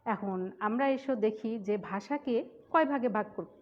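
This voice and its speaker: A woman's voice: mid-range voice, measured pace. A woman from the Khulna region teaching a school grammar lesson, who explains step by step, repeats key points and asks her class questions. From Khulna region of Bangladesh. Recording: dull, muffled lo-fi sound.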